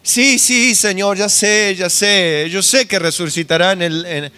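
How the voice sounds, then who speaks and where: A man's voice: sits high, fairly even intonation, measured pace, pushed and bright, smooth, voice pushed up. A man with an Argentine accent voicing Martha, a grieving woman who hurriedly insists on her faith. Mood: insistent. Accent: Argentine Spanish.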